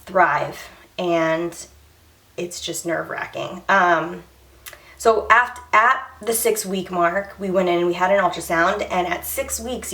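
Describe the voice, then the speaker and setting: A woman's voice: lowish voice, a bit bright. A young woman, chatting candidly in a personal vlog and a little short of breath. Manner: candid and chatty, with many fillers and restarts. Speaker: vlogger. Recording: echoey room, voice a bit far from the mic.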